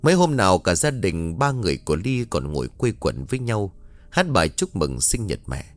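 Low-voiced male ghost story narrator. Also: very animated, a little fast, dry recording.

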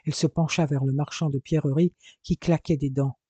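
A man reading an adventure novel aloud as an audiobook narrator, with a lively, dramatic delivery. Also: fairly high pitch, normal speed, husky, dry recording, lo-fi sound.

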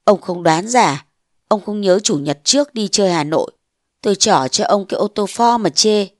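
A woman voicing a bold, scheming young wife of a mandarin, defiant and sharp-tongued, in a storybook reading. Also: mid-range voice, animated, moderate pace, no room sound, studio quality, natural voice. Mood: scornful.

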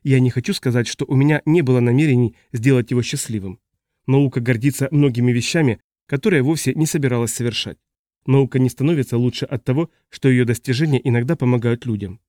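A man's voice: medium pitch, quick pace, warm tone, dry recording, studio quality, close to an everyday voice. A man voicing a poised, cool-headed woman scientist in an audiobook reading.

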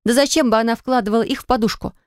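A woman voicing an indignant, sarcastic young wife with a higher, ringing voice in an audiobook. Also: racing, no room sound, natural voice. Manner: shrill, accusing, sarcastic. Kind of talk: audiobook character reading. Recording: dry studio sound.

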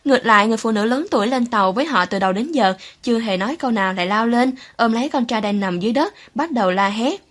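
Brief: female audiobook narrator, fairly high voice, even scripted storytelling delivery. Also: fast talker, hardly any pauses.

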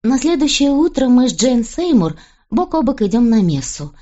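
A woman reading a novel aloud as an audiobook narrator, in a steady, even first-person storytelling voice. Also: a little high, moderate pace, dull audio.

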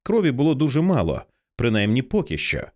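A man narrating an audiobook in an expressive, dramatic reading style. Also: mid-range voice, brisk. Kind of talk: scripted narration.

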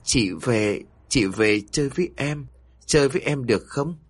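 A man voicing the ghost of a young woman, cold and sad, who speaks softly and slowly with a trembling voice. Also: mid-range voice, animated, husky, dry recording, voice pushed up. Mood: soft pleading. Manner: soft, trembling, slow.

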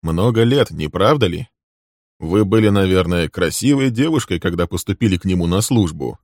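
A man voicing a composed man who speaks slowly and evenly. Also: low voice, animated, darkish tone, no echo, studio quality. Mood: cool. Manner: slow, level, measured. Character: calm, composed man, coolly threatening.

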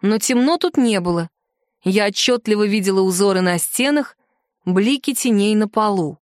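A woman reading a first-person fantasy novel aloud in a lively, expressive way. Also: medium pitch, normal speed, no echo, studio quality. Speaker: audiobook narrator.

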